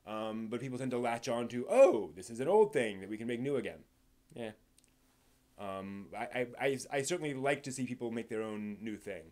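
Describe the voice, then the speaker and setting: Commenting on news during a casual live stream, this host rambles and stumbles, frequently starting sentences over and emphasizing points before they fade out. His medium-pitched voice is expressive and a little mellow.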